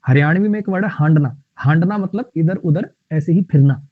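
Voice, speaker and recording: A man teaching English vocabulary in a live online class. He explains words with playful mnemonics and reads the English example sentences slowly. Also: a little high, no echo. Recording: tinny, phone-like line.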